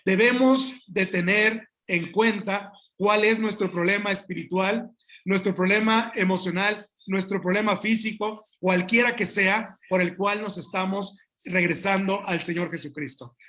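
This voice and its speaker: High-voiced man preaching a sermon. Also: pushed and bright. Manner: emphatic preaching, addresses congregation as brothers; halting restarts and asides. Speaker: pastor.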